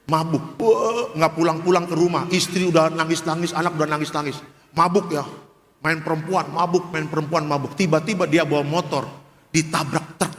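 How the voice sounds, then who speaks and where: A man's voice: fairly high pitch, fairly even intonation, moderate pace, fairly bright tone, slight background noise. A man pastor preaching a sermon in a large church hall, emphatic and joking, questioning the congregation.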